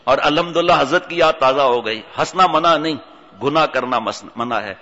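A man preaches with a bright, forceful, fairly high voice, telling funny stories and acting out characters in a lively way. The sound is dull and rolls with a long hall reverb. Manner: animated storytelling, acts out voices. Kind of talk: humorous religious sermon.

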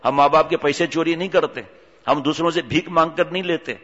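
A man's voice: on the high side, fairly even intonation, fairly bright tone. A man voicing a small, pious, truthful boy who speaks earnestly, in a reverberant hall on a dull lo-fi recording.

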